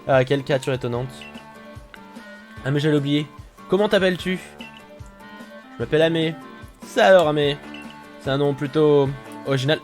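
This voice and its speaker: A man voicing an excitable male Pokémon professor in a raised, exclamatory voice. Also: moderate pace, pauses often, faint music behind, lightly acted. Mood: amazed. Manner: exclamatory, high-pitched put-on voice.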